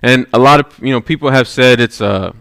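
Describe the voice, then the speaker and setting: A man's voice: mid-range voice, a little fast, vocal fry, fairly bright tone, smooth, no echo, studio quality. A man preaching a sermon, telling a personal story and checking in with the congregation as he goes, often with "right?". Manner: storytelling, with rising intensity and repeated "right?".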